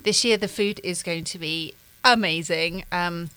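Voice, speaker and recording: A woman with a fairly low voice chats as a guest in a casual interview. She is bubbly and jokes often, laughing between her words. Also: a little slow, bright, forceful tone, clean tone, no room sound, low-quality recording. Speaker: guest from a nonprofit. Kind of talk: casual chat.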